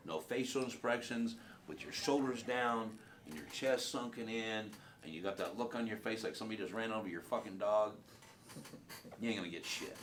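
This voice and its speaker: A man's voice: on the low side, slight background noise. A man giving a blunt, profane sales training talk to a group in a training room.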